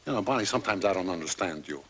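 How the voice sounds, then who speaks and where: An actor playing a sly, wheedling racketeer in an old crime drama, with mock-hurt slangy talk. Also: male voice, sits low, expressive, rapid-fire, fairly bright tone, slight background noise.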